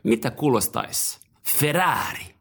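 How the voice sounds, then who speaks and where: A man's voice: mid-range voice, expressive, creaky, fairly bright tone. A male host who speaks hesitantly in casual chat and often repeats words.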